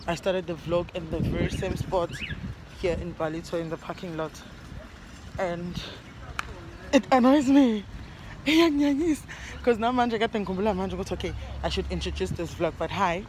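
A young South African woman vlogs casually to her phone camera held at arm's length in an outdoor parking lot, mixing English and Zulu. She rambles and corrects herself in a lowish voice, with background noise around her.

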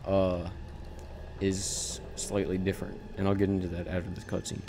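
A man giving casual commentary while he plays a game, rambling with halting starts and frequent self-corrections. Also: sits low, little pitch movement, noisy background. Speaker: gaming channel host.

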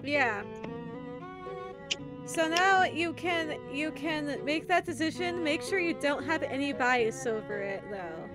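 A woman's voice: high voice, lively intonation, slow pace, music in the background. A woman hosting a game show, chatty, laughing often, announcing questions and scores.

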